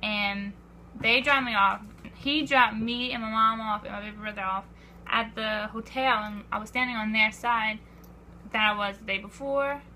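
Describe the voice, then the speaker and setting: Teenage girl vlogger, bright slightly high voice, eager rambling storyteller. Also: fairly even intonation, normal speed, a little hiss or hum. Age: teens. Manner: breathless, repeats "I was like", acts out quotes. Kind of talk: excited storytelling vlog.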